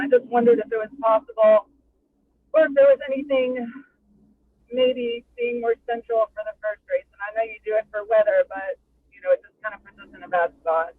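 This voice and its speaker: A man with a very high, lively voice calls in over the phone from the road. He talks hesitantly, with lots of fillers. The line is tinny and keeps breaking up. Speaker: coach calling into a meeting. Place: on the road while traveling.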